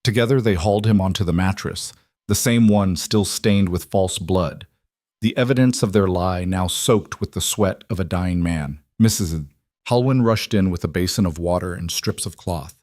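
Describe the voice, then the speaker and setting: Low-voiced male fantasy narrator. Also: darkish tone, no echo, clean studio sound. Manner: dramatic, measured storytelling. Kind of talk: scripted audiobook narration.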